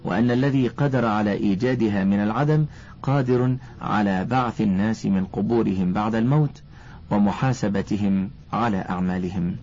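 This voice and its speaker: A man reading a religious commentary aloud as an audiobook narrator, in a measured and formal classical style. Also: on the low side, darkish tone, a little hiss or hum. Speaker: audiobook reader. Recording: dull lo-fi audiobook recording.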